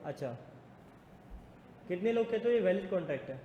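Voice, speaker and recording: A man teaching a business law class in a classroom. He talks fast, teases students and mixes English into his speech. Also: sits high, lively intonation, muffled recording. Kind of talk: classroom lecture. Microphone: not using the class mic. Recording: echoey classroom with long reverb and faint noise.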